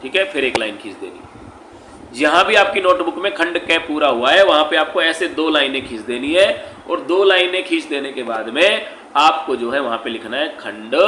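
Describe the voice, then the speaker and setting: This fairly high-pitched man speaks with lively intonation, a bright, forceful tone and normal speed. Teaching Sanskrit, he leads students through an exam paper, patiently going over each point again, asking and answering his own questions, and calling them "beta". The room echoes, with faint background noise.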